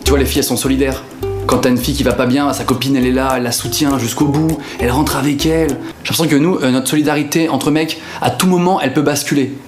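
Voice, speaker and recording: A man's voice: mid-range voice, steady tone, quick pace. A young man from northern France, a comedian hosting a sketch monologue in a casual, slangy, self-mocking way. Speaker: comedian host. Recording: roomy sound with background music.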